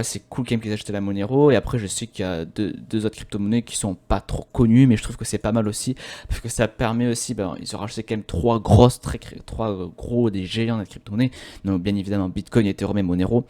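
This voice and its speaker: A young man from France giving a casual, chatty walkthrough of a website as a YouTuber, with relaxed slang. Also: lowish voice, a little fast. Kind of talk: casual screen-recording walkthrough.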